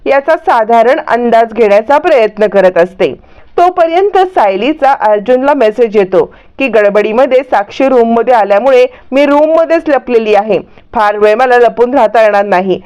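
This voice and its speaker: A woman dramatically retelling a TV serial episode as a storyteller, lively and dramatic. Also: on the high side, clear, resonant tone, lo-fi sound.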